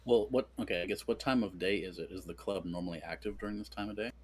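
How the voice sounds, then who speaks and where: A man talking as a player in a tabletop game, measured and deliberate. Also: on the low side, darkish tone, breathy edge.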